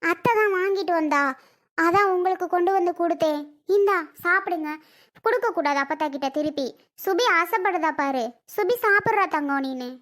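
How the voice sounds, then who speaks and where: A caring grandmother in a family drama, acted by a woman, tender and coaxing with the children. Her voice is strikingly high for an older woman. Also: normal speed, fairly bright tone.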